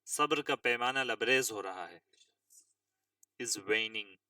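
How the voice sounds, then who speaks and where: Bright-voiced male English tutor, far from mic. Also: on the low side, no room sound. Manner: slow drawn-out reading of English phrases, spells words aloud. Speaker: English teacher. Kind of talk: vocabulary lesson explaining English news words.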